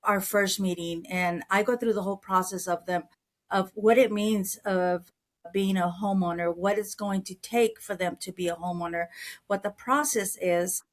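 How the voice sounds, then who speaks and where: A middle-aged Mexican woman who works as a real estate broker answers interview questions earnestly and conversationally, often repeating words while she thinks. Her voice sits at a medium pitch, with a steady tone and normal speed.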